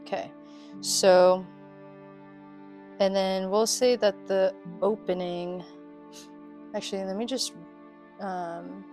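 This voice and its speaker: A woman's voice: mid-range voice, fairly even intonation, slow pace, long pauses. A woman hosting a solo tabletop role-playing game, narrating the story and commenting casually. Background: soft music.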